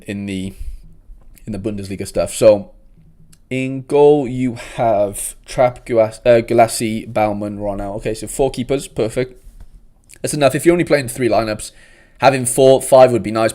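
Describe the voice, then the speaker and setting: Chatty South Welsh guy, lowish voice. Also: mellow. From South Wales. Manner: chatty, laid-back, uses "mate" often. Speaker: host. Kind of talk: casual livestream commentary.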